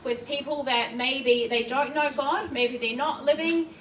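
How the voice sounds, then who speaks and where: A woman with a New Zealand accent gives an informal sermon, sounding nervous and hesitant, with halting false starts. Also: high-pitched, fairly even intonation. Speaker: preacher. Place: echoey indoor room before a gathering. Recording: distant microphone, echoey room, faint noise.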